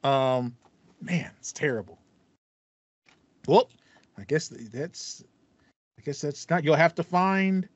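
A fairly high-pitched man's voice, animated but slow with long pauses and no echo, chats casually as a gaming podcast host in a sympathetic, mock-indignant tone. He uses a video-call headset in a small indoor room with acoustic foam. The online call comes through slightly dull and lo-fi.

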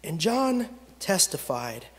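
A man in his thirties, a pastor, leading a pastoral prayer and reading scripture from the pulpit in slow, measured phrases with long pauses. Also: fairly high pitch, big pitch swings. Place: church sanctuary at a pulpit. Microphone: pulpit gooseneck microphone. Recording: long reverb of a church sanctuary.

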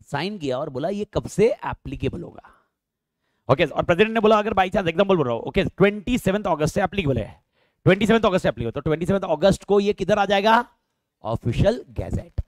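A man's voice: high-pitched, lively intonation, fast talker, no room sound, clean studio sound. A man teaching law in a live online lecture, asking his students questions and answering them himself, mixing Hindi and English.

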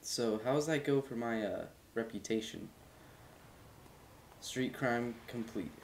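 A man's voice: medium pitch, slow pace, slight background noise. A man giving casual gaming commentary, often talking back to the characters in the game. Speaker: gameplay commentator. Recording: game music behind. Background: video game music.

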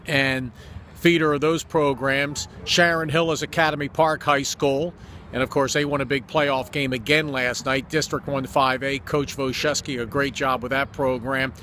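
A man in his fifties ad-libs an on-location promo outdoors by a sports complex, acting as an effusive, enthusiastic announcer and interviewer. His medium-pitched voice is pushed and bright, steady in tone, at normal speed. It's an outdoor phone video shot at arm's length, with background noise.

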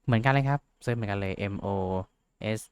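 This young VTuber tutorial host talks quickly in a smooth, medium-pitched voice with no echo. His casual screen-share walkthrough is rambling and self-mocking, packed with fillers.

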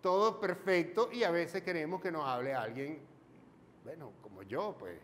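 A film teacher with a Venezuelan accent talks through a lesson in a chatty way, often asking and answering his own questions. His voice sits a little high for a man. The sound carries a long reverb, with a faint background hum underneath. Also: normal speed, a bit bright. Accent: Venezuelan Spanish. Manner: chatty, explanatory, asks himself questions. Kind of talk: informal video lesson. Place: home studio in front of a green screen.

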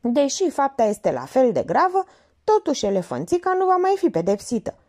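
A woman's voice: sits high, wildly swooping pitch, a little mellow, voice pushed up, full character voice. A woman reading the part of an irritable, impatient male police captain. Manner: impatient, insistent.

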